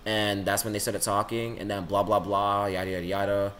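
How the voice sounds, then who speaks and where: A teenage boy in a casual, rambling monologue about his classmates, saying "like" constantly and swinging his pitch up and down. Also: fairly quick, a little hiss or hum. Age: teens. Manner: rambling, says "like" a lot, lively swings in pitch. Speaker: student vlogger.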